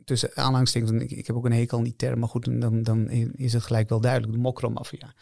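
A man talking as a guest on a talk podcast, with a gravelly, creaky edge to his voice. He speaks in halting bursts and keeps restarting and repeating words as he gathers his thoughts. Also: mid-range voice, completely flat delivery, darkish tone. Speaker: criminal defense lawyer, podcast guest. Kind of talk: podcast interview.

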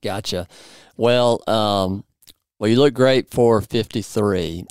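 A man's voice: lowish voice, slow pace, darkish tone, clear, resonant tone, no room sound, clean studio sound. A man in his forties hosting a podcast, explaining in an upbeat, playful way and interviewing a guest. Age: 40s. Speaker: podcast host.

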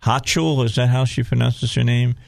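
A man's voice: medium pitch, fairly even intonation, normal speed, gravelly, a little mellow, dry recording, clean studio sound. A man with a Southern US accent hosting a casual talk radio show in a folksy way, often repeating phrases as he goes.

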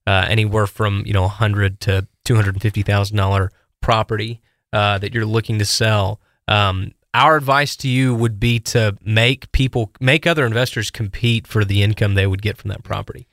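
Um homem com sotaque do sul dos Estados Unidos, coapresentador de uma empresa de leilões, dando conselhos diretos aos ouvintes. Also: male voice, fairly low pitch, fairly even intonation, normal speed, fairly bright tone, dry recording, clean studio sound. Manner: salesy, direct advice to listeners. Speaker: auction company co-host. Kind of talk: casual radio talk.

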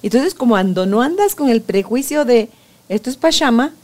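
A woman podcast host telling stories in a playful, animated way in a casual conversation. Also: a little high, normal speed.

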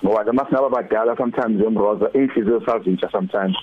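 A man's voice: fairly low pitch, very fast, narrow, tinny audio. A man with a Zulu accent explaining things casually as a radio guest, often slipping in English words and phrases. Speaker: radio guest, digital skills advocate.

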